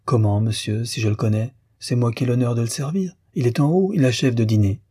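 A man voicing an eager young café waiter in a storybook reading, answering quickly and proudly. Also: mid-range voice, dark tone, breathy edge, no room sound, studio quality, natural voice.

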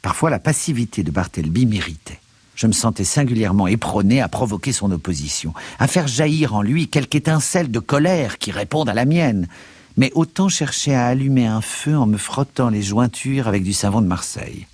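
A man reading a classic story aloud in an expressive, theatrical way, narrating in the first person. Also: mid-range voice, fairly quick, husky, dry recording. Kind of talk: dramatic literary reading.

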